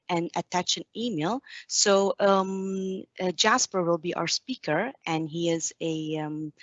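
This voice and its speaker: A woman's voice: on the low side, fairly bright tone, no room sound. A woman hosting a webinar, giving an informal spoken introduction of the speaker.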